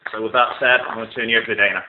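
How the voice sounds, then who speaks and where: A man's voice: on the low side, steady tone, racing, a little hiss or hum. Guy hosting a conference call, reading out event info, tinny phone sound. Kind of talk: announcing event details. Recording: narrow telephone line.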